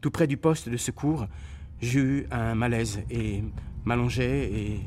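A man giving an expressive, dramatic reading of a war memoir for radio, voicing the sounds of shells and cries. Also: mid-range voice, slow pace. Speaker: reader on a radio documentary.

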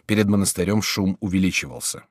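A man narrating an audiobook novel in a measured, expressive reading. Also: low voice, dry recording, studio quality. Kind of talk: scripted narration.

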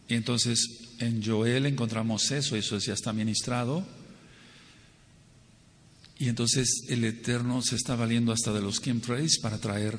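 Teaching a Torah sermon, this man speaks at a medium pitch, repeating phrases for stress and posing rhetorical questions. He raises his voice to act out the people he quotes. A long hall reverb fills the audio, which also carries slight background noise.

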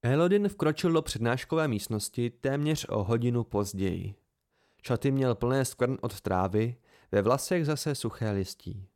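A man reading an amateur audiobook in a steady, unhurried way. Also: medium pitch. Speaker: audiobook reader.

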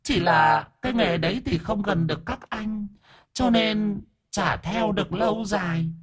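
A tearful, camp male ghost whines and pleads in a high, airy falsetto with a lilt. The voice sits far above his own and sounds husky and thin. He drags out his lament like a storybook spirit. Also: measured pace. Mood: whiny lament. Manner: whiny, pleading, sassy.

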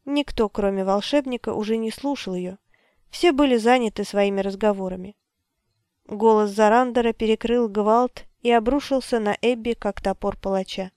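A woman narrating an audiobook in an even, storytelling read. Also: fairly high pitch, moderate pace, clear, resonant tone, no room sound, studio quality. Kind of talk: scripted narration.

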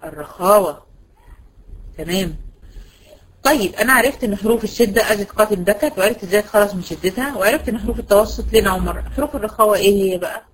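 A female tajweed teacher with an Egyptian Arabic accent quizzes her class at a brisk clip and answers her own questions, easing off to stretch out example words as she teaches Quran recitation. Her mid-range voice has a breathy edge, and the audio is poor.

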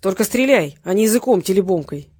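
A reader voicing a wounded man who answers threats calmly and with indifference, lower than the narration. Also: fast talker, slightly rough, dry recording, clean studio sound. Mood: defiant. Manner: calm, low, indifferent. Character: unflappable wounded man, calm and defiant. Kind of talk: audiobook character voice.

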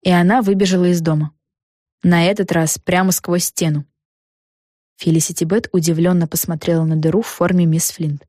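A woman's voice: fairly low pitch, normal speed, no echo, clean studio sound. Woman narrating a children's audiobook. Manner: lively expressive storytelling. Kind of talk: scripted narration.

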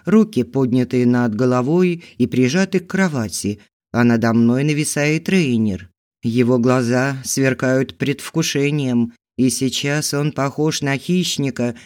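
Slow, measured male audiobook narrator. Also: mid-range voice, a little mellow. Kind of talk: scripted narration.

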